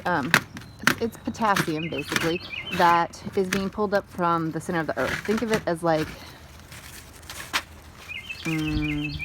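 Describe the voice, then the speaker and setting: A low-voiced woman vlogs outdoors by a wood fire on a sunny day, with noisy background sound. She's demonstrating how to make lye, chatting casually and rambling off into tangents.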